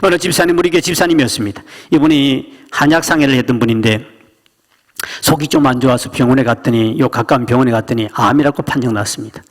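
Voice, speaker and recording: A man's voice: medium pitch, fast talker. A male pastor preaching a sermon with emphatic storytelling, in a church sanctuary. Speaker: senior pastor. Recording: long reverb of church sanctuary.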